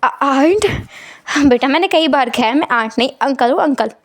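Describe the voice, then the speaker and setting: A cheeky young man teases and jokes in a light, playful way, as a woman narrator puts him on. The pitch is high and the sound is dry and close. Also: lively intonation, normal speed, no echo. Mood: teasing. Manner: teasing, playful.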